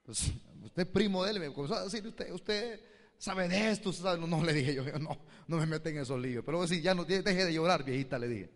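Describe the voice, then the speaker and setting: A man's voice: on the high side, fast talker, few pauses, in a large hall. A man pastor, preaching a sermon and addressing the congregation with questions. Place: church hall.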